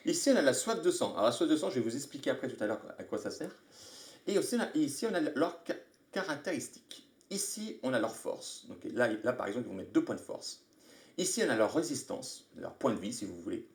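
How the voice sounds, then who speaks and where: A man's voice: mid-range voice, very animated, a little fast. Chatty man explaining game rules. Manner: chatty, thinks aloud, greets viewers mid-explanation. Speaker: live-stream host. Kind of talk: casual board game rules explanation on a live stream. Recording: echoey room.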